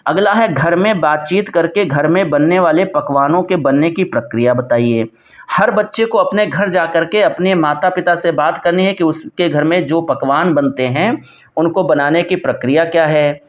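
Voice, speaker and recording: A man's voice: on the high side, normal speed. A male teacher giving an exam prep lecture, explaining step by step, reading out each question and asking and answering himself. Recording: dull lo-fi recording.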